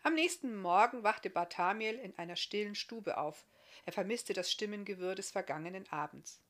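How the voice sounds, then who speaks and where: A woman reads her own fairy tale aloud. Her voice sits at a middle pitch, and she narrates calmly and clearly. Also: normal speed. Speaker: author reading her book.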